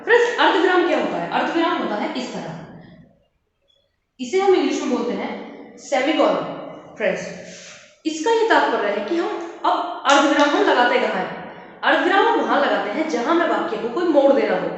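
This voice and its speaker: High lively woman teaching, echoey room. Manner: addresses viewers as "friends" again and again, explains slowly with examples. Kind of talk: classroom-style grammar lesson. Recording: echoey, dull lo-fi room recording.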